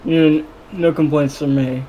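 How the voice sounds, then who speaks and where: A man voicing a calm, loyal young man in a tabletop game, speaking in a low-key, easygoing way. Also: normal speed, dull audio, slight background noise, natural voice.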